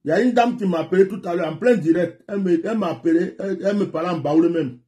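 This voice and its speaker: A pastor from Côte d'Ivoire talks live to his viewers and callers, animated and given to repeating himself. His voice sits a bit high for a man but has a warm, mellow tone. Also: quick pace. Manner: animated and repetitive, laughs often. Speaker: pastor hosting a live show. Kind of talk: live-stream talk with callers.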